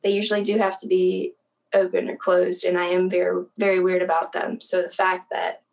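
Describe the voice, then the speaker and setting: A young adult woman from South Central Pennsylvania, a guest in a casual interview, chatty and quick to laugh, often trailing off and restarting her sentences. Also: lowish voice, completely flat delivery, vocal fry, a little mellow.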